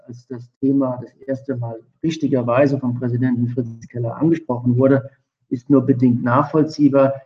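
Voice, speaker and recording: Dull lo-fi audio carries the mid-range, darkish voice of a middle-aged infection medicine expert. Answering interview questions, he uses long, formal, measured sentences heavy with academic terms.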